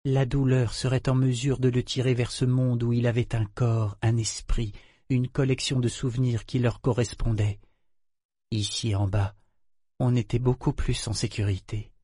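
A man narrating a novel in a measured, steady storytelling manner. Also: medium pitch, slightly rough, dry recording, studio quality. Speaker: audiobook narrator. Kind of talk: scripted narration.

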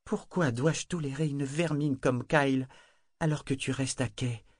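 A man voicing a living ship's figurehead, a proud female spirit who speaks in a low, bitter tone. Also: a little slow, no echo, clean studio sound, close to an everyday voice. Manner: low and bitter, sometimes suave.

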